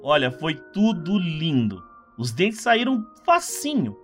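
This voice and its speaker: Sadistic male dentist, acted by a man, audio drama villain: gleeful, falsely kind, menacing, hugely animated intonation. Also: fairly high pitch, takes it slowly, faint music behind, full character voice. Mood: falsely cheerful. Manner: falsely reassuring, menacing, with sinister chuckles. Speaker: character in an audio story. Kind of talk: dramatized horror audio story.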